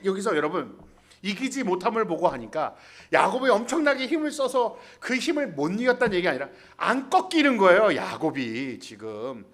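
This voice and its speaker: A man's voice: extremely high pitch, fairly bright tone. A man preaching a colloquial, joking sermon as a pastor, telling stories and acting out the dialogue in character voices. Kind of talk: storytelling sermon. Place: church in Hanoi.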